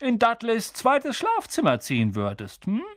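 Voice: sits high, huge pitch swings, slow, fairly bright tone, no room sound, voice pushed up, heavily acted. A reader voicing a furious, blustering middle-aged uncle who barks his orders, raised well above their own narrating voice. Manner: barking, blustering.

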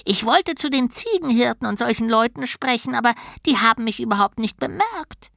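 A woman's voice: on the high side, expressive, normal speed, gravelly, a bit bright, no room sound, clean studio sound, voice pushed up. A woman doing a sarcastic, petulant tortoise god. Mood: sorrowful. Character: grumpy male god stuck as a small tortoise. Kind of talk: audiobook character voice.

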